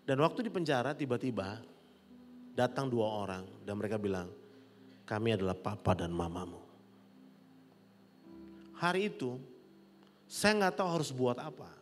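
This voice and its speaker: A middle-aged man preaching a sermon as pastor, animated and rising to loud peaks. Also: medium pitch, moderate pace, pauses often. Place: large church hall. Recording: long church hall reverb with soft music.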